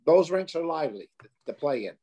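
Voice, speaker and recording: A man's voice: a little high, very animated, fairly quick, mellow, breathy edge. A man chatting casually as an interview guest, reminiscing in a folksy, emphatic way with running lists. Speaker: interview guest, hockey veteran.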